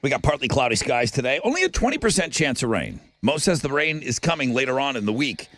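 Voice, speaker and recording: A man's voice: mid-range voice, big pitch swings, fast, fairly bright tone, no room sound. A man hosting a morning radio show in casual, slangy style, chatting and running contest call-ins.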